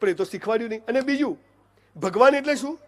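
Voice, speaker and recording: A man's voice: very high-pitched, expressive, fast talker. A middle-aged man with a Gujarati accent giving an emphatic motivational speech to an audience, often calling listeners "saheb" and "boss". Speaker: motivational speaker.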